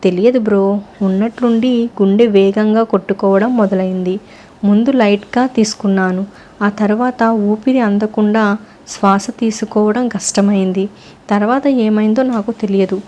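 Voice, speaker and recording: A woman's voice: medium pitch, steady tone, moderate pace, mellow, natural voice. A woman doing a cocky breezy young man. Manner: casual, brushing things off.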